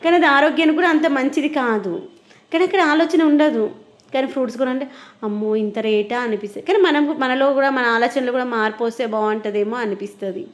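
A woman's voice: high voice, fast talker. A woman. She chats casually to her viewers like a home vlogger, explaining her points in an everyday conversational way. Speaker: vlogger and mother.

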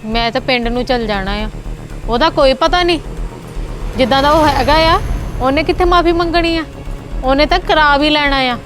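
A woman playing a hurt married sister who speaks softly and then turns sharp and defiant. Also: on the high side, moderate pace, pauses often, natural voice. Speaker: married sister visiting her brother. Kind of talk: village family drama acting.

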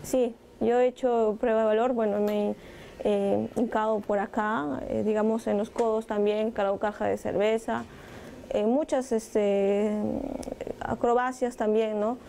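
Gravelly, low-toned young woman dancer. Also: little pitch movement, dark tone, a little hiss or hum. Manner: thoughtful, halting with fillers. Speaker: scissors dancer. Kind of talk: interview testimony. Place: indoor room with instruments.

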